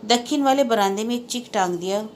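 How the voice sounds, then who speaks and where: A woman reading the part of an ailing, weary middle-aged woman who speaks quietly, wryly and with resignation. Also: on the high side, fairly quick, a little hiss or hum, natural voice.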